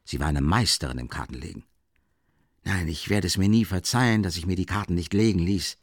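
A man's voice: low-pitched, fairly quick, dry recording, clean studio sound, pitched below the performer's own voice. A man reading an audiobook, voicing a worldly middle-aged man who talks in a raised, wondering, rambling way.

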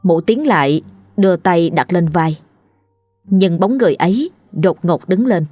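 A woman narrating a ghost story in a steady, measured storytelling voice. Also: lowish voice, no room sound, faint music behind.

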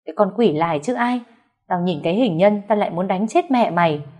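A woman voicing a hot-tempered older mother-in-law who scolds loudly. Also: mid-range voice, animated, a little fast, lightly acted. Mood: furious. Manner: loud, scolding, harsh.

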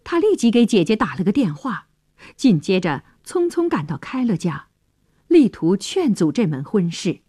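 A woman's voice: mid-range voice, very animated, normal speed, mellow, breathy edge, dry recording. A woman telling a story on the radio, narrating expressively and dramatically in a studio.

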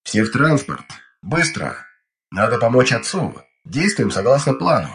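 A man voicing a curt, urgent young aristocrat commander in an audiobook, with a low synthesized helmet sound. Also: sing-song, unhurried, noisy background. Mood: urgent, commanding.

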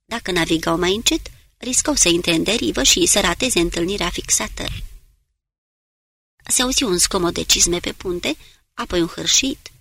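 Gravelly-voiced woman narrating an audiobook. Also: fairly low pitch, no echo. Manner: steady, measured reading of prose. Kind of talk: scripted narration.

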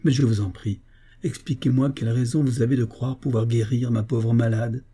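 A man's voice: mid-range voice, fairly even intonation, normal speed, mellow, breathy edge, lightly acted. A man reading the part of a desperate young husband who pleads in anguish for help. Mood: pleading.

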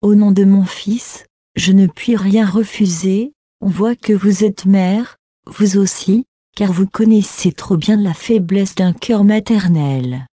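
A woman's voice: mid-range voice, slow pace, mellow, no room sound. A woman reading the part of a grieving desert mother, in an earnest, declamatory way. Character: grieving desert mother, proud then softening.

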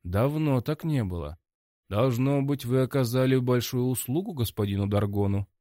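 A man's voice: mid-range voice, normal speed, no echo, studio quality, lightly acted. A man voicing a pompous, gloomy male academy director who speaks coldly. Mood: formal. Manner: stern and cold, then yelling.

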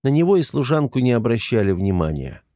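A man narrating an audiobook in an even, measured reading. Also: medium pitch, dry recording, clean studio sound. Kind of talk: scripted narration.

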